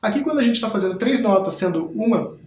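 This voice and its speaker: High-voiced man teaching in an echoey room. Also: expressive, quick pace, a little mellow, slight background noise. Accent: Brazilian Portuguese. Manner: patient, explanatory, demonstrating body percussion. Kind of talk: school TV music lesson.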